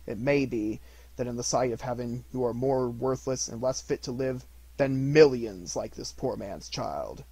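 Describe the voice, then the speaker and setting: A man's voice: medium pitch, warm tone, husky, no room sound, rough recording. The Ghost, a stern solemn spirit, as a man voices it. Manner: grave, slow rebuking.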